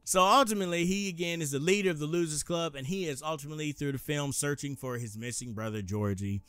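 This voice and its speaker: Man, co-host, casual movie chat, bit high voice, upbeat rambling. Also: fast, fairly bright tone, smooth, no room sound. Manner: rambling, self-correcting, upbeat.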